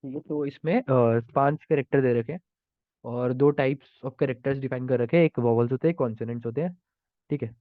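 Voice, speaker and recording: Explaining programming contest solutions on the fly, this man speaks fairly quickly in a mid-range voice, frequently restarting sentences and using fillers as he reasons aloud. There's no echo; the audio is dry and narrow, phone-like.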